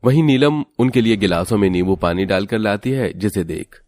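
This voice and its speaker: A man narrating an animated family story in a steady, scripted storytelling delivery. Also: fairly low pitch, normal speed.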